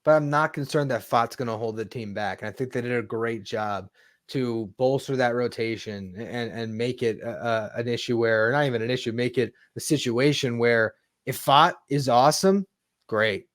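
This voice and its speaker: A man's voice: medium pitch, normal speed, no echo, clean studio sound. A man co-hosting a sports talk show, speaking conversationally with stammering repeats. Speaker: podcast co-host.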